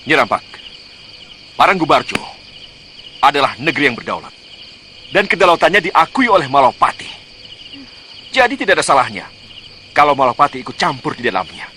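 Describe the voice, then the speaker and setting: A man's voice: on the high side, very animated, a little fast, long pauses, sharp tone, slight background noise. A man playing a commanding noble warrior in an Indonesian historical fantasy drama, speaking in a formal, declamatory way. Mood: stern, firm.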